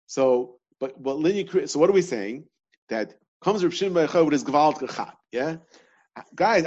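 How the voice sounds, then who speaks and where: Man, talmud class teacher, repetitive, slightly high voice, dull lo-fi sound. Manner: repetitive, questioning, restarts often.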